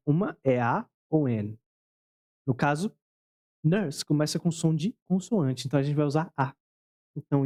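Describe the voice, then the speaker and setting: A man's voice: a little high, warm tone. A Brazilian man teaching English grammar in Portuguese, patiently repeating key words and quizzing the viewer with questions. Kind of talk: explaining English grammar at a board.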